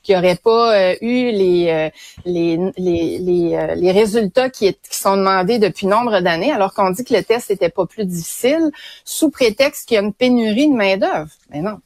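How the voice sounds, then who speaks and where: A woman's voice: medium pitch, moderate pace, a little mellow, dry recording. A woman with a Quebec French accent giving casual, opinionated commentary on current affairs. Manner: conversational, opinionated. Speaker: radio commentator.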